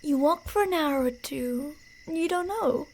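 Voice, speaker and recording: In this ASMR horror roleplay, a woman plays a creepy, teasing, delusional yandere stalker who narrates her prey's path, playful and menacing by turns and slipping into whispers. Her voice is high-pitched with lively intonation and a slightly slow pace, over a faint hiss or hum.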